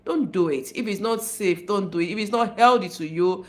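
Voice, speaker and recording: A woman giving relationship advice as a life coach on a livestream, talking in an animated, emphatic way and repeating her key points. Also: mid-range voice, moderate pace. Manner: animated, dramatizing, emphatic repetition.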